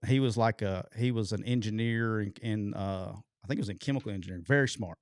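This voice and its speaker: A man's voice: fairly low pitch, quick pace, clean tone, dry recording. Profane man spinning a yarn. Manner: animated, profane, rambling storyteller. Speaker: podcast co-host. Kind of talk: casual storytelling chat.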